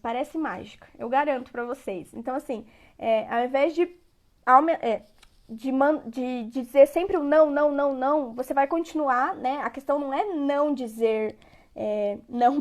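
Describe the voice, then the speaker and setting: A woman giving a parenting lecture, conversational and repetitive, often checking in with her listeners. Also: high-pitched. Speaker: parenting educator.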